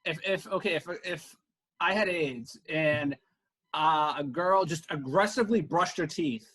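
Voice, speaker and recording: Higher-pitched, husky male co-host. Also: a little slow, a bit bright. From Florida. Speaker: podcast co-host. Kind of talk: casual chat.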